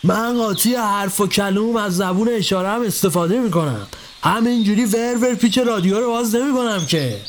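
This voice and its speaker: A man voicing a gruff, bossy master snake catcher who scolds in crude old-fashioned slang. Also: sits high, few pauses, a little hiss or hum, voice pushed up, natural voice. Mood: scolding.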